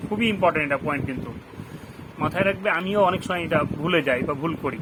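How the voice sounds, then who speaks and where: A man teaching a pronunciation lesson. He repeats each rule slowly and gives example words with their meanings. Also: on the high side. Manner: asks the listeners questions. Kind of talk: classroom lesson in Bengali. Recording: noisy background hum.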